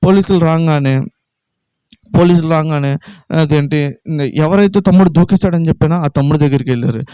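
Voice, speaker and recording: A man from Andhra Pradesh gives his personal testimony at a quick clip, circling back over each step and slipping into the voices of the people he quotes. His voice is smooth and mellow, a little higher than most men's. The sound is dry and close, with no room around it. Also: no echo, low-quality recording. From Vijayawada, Andhra Pradesh. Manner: rapid, repetitive storytelling that acts out quoted dialogue. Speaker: testimony speaker.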